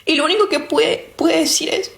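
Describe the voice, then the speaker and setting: With a high, gravelly, fairly bright voice, a young Argentine woman from Misiones gives a sincere and thoughtful account of her faith at a moderate pace. She speaks Argentine Spanish and frequently starts her sentences over.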